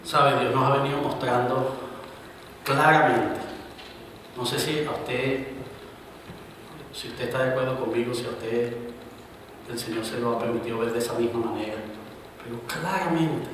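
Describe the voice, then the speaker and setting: A man's voice: mid-range voice, steady tone, normal speed, long pauses, noisy background. Man preaching in an echoey church. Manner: preaches with rising emphatic bursts and quiet asides. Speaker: pastor. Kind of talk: sermon. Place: church hall. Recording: roomy, reverberant church recording from a distance.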